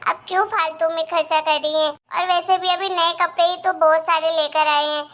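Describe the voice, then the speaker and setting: Cartoon daughter-in-law, sweet and gushing, slow, high and bright, played by a woman. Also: level tone, muffled recording. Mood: polite. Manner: polite, gushing. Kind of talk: animated cartoon voice acting.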